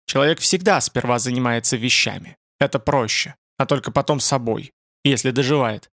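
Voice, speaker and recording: A man reading an audiobook, voicing a creaky, sinister old male spider-man mage in a slow, gloating manner. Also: medium pitch, fairly bright tone, no echo, clean studio sound, lightly acted. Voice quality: creaky, clicking voice.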